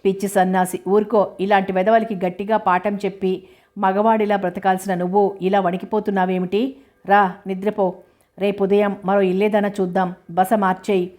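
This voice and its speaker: A woman's voice: medium pitch, level tone, moderate pace, a little mellow, close to an everyday voice. A woman voicing a young female friend who talks in a teasing, reassuring way. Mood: consoling.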